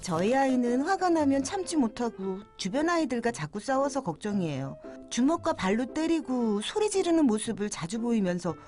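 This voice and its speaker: A woman reading out a parent's question in a measured, concerned way. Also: on the high side, big pitch swings, a little mellow. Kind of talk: read-out question. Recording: faint music underneath.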